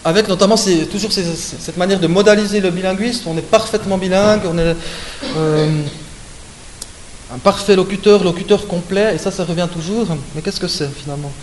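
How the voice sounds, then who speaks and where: With a brisk, high voice, this Swiss academic lectures while self-correcting along the way and leaning on "euh" and "hein." The recording carries a faint hiss and the echo of the room.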